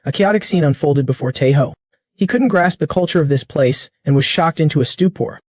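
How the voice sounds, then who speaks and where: Higher-pitched man narrating a story recap. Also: a little fast, a little mellow, dry recording, studio quality.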